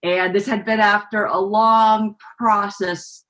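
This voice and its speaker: A thoughtful woman in her forties, from the Bay Area, speaks as an author and journalist guest. Her answers come steadily, with frequent pauses and fillers. She is recorded over a video call webcam in a home living room. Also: medium pitch, fairly even intonation, fairly bright tone. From San Francisco Bay Area, US. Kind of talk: reflective interview answers.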